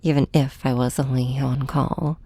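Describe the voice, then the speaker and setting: Here a woman fully inhabits the role of a heartbroken young flying superhero, narrating in first person in an intimate audio drama that doubles as ASMR. Her very deep voice holds a steady tone yet comes out soft and breathy, hushed, halting and hesitant, with a hurt, subdued mood. She confides in her nemesis, then snaps at them, and the recording has no echo.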